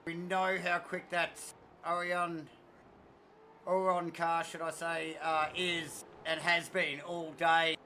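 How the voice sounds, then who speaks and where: Man, high voice, bright and tense tone, chatty race commentary, asks co-host questions. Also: little pitch movement, slow pace, hardly any pauses, a little hiss or hum. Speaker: sim racing commentator.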